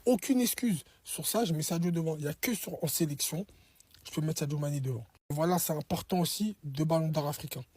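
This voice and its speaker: A man's voice: a little high, fairly quick, darkish tone, breathy edge, dry recording. A man insisting on his opinion in casual talk to camera. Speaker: football commentator.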